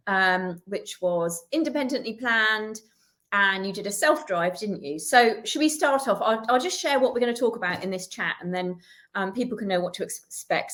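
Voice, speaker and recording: A woman hosting a casual live interview chat, bubbly and quick to laugh. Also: mid-range voice. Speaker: host.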